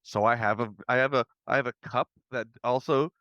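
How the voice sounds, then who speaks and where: A male podcast host asking questions in a casual, halting way and restarting his sentences. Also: mid-range voice, fairly even intonation, sharp tone, smooth, no echo, dull audio. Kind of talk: casual interview chat.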